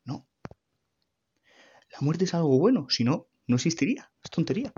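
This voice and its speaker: A man giving an earnest, halting personal faith testimony about caring for his dying mother. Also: on the high side, big pitch swings, mellow, husky, lo-fi sound. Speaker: grieving son giving testimony.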